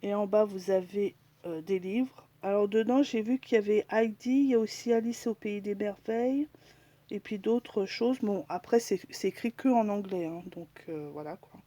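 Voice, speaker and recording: Soft-spoken woman showing craft papers. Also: medium pitch, moderate pace. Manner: chatty, hesitant, with many fillers. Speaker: crafting vlogger. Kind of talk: casual haul video.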